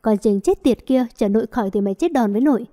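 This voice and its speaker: A woman's voice: fairly high pitch, expressive, fast talker, lightly acted. A woman voicing a grumpy scolding old grandmother. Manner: sharp, nagging scolding.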